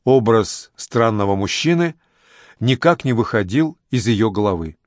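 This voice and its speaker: A man narrating an audiobook in an even, measured storytelling manner. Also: on the low side, no room sound.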